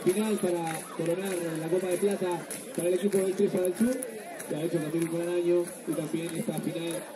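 A man giving live football match commentary as the commentator. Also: high voice. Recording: noisy outdoor stadium with crowd. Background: crowd and outdoor stadium noise.

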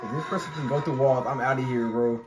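A young man doing scared horror game commentary, excitable and easily startled, as a streamer. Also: medium pitch, quick pace. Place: small indoor room at home. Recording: noisy room, clear background noise.

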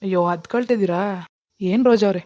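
Brief: a woman as a patient village husband, quick, warm tone. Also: medium pitch, close to an everyday voice. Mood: coaxing. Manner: coaxing, reassuring. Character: gentle young husband, soothing and patient.

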